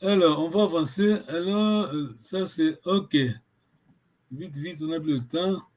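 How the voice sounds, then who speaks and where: A man from Congo teaching a Kikongo language lesson, talking informally, often pausing and restarting while he searches for words. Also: a little high, darkish tone. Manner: halting, searching for words, many fillers and restarts.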